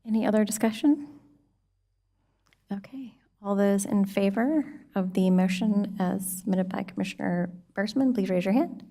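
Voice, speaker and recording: A woman chairs a public board meeting with formal, procedural phrasing. Her voice is mid-pitched and mellow, with noticeable fry. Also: moderate pace.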